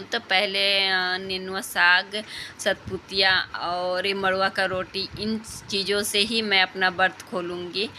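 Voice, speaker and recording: A hoarse woman talks through her day in a calm, level voice. Her tone is bright and clear-edged, and tiredness shows as she pauses often to find her words. Faint room ambience sits behind her. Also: fairly low pitch, a little hiss or hum. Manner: calm, explanatory, with pauses and fillers. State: hoarse throat. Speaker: vlogger mother. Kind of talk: casual home vlog narration.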